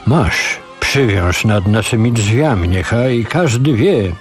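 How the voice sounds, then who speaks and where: A man reading the lines of a stern, wounded old father who gives gruff commands in a storybook reading. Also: on the low side, expressive, takes it slowly, soft background music. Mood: grim.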